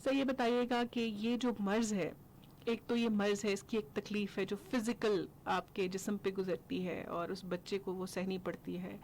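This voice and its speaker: Young female radio host, clear and articulate, mid-range voice, faint hiss in the studio. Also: mid-range voice, fairly even intonation, a little mellow. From Pakistan. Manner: articulate, summarizing, frequent affirmations. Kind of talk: radio interview.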